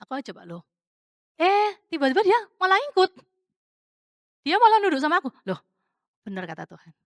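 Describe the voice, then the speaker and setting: A woman's voice: very high-pitched, sing-song, a little fast, no room sound, clean studio sound. A woman preaching a casual, testimony-style sermon, chatty and conversational, dropping English words into her talk and asking the congregation questions.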